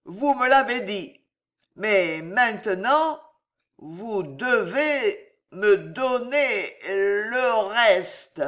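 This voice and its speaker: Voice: medium pitch, animated, a bit bright, voice pushed up. A reader voicing a drunken, greedy young nephew in a French storybook, slurring and drawing out his words. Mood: insistent. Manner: slurred, drawn-out, wailing.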